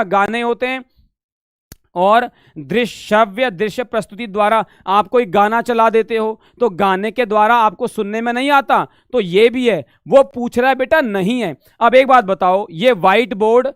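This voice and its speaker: A Sanskrit teacher leads a live online exam-prep lesson in a high, resonant, clean voice, recorded dry and close. He repeats every point, often asks "samajh gaye?" and calls students beta. He also drills questions back at the class.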